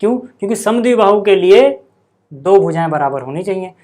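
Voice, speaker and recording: A man's voice: high-pitched, animated, a little fast, a little mellow. A man teaching a maths lesson at a board, chatty, often checking in with his students. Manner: chatty, repeats 'theek hai' and 'yaar' to students.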